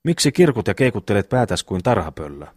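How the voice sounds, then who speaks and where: A man voicing a calm, thoughtful brother who speaks in measured, sermon-like phrases in an audiobook reading. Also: lowish voice, husky, no room sound. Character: calm, wise, reasoning young brother.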